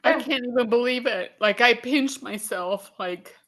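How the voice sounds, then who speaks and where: Slow, halting woman on a video call. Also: a little high, fairly bright tone. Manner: slow, halting, full of fillers, tearful. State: emotional, near tears. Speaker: caller giving a testimonial. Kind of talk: emotional testimonial on a video call.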